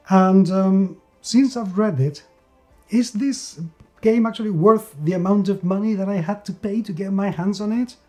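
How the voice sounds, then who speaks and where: A man with a high-sitting, darkish voice hosts a tabletop role-playing game review. His delivery sounds scripted, enthusiastic, and he stresses words by repeating them.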